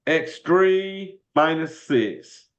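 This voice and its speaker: A man's voice: a little high, expressive, drawn-out words. A man with a Southern US accent teaching algebra informally in a folksy way, working through problems step by step. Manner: folksy, says y'all often. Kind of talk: informal worked-example math lesson. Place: indoors, online video class. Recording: dull lo-fi online class audio.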